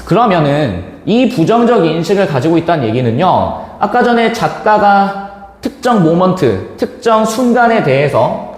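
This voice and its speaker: In a reverberant lecture room, a young Korean literature teacher with a high-pitched voice talks at a moderate pace. He recounts a personal story in slangy, animated fashion, performing the quoted voices of the people involved.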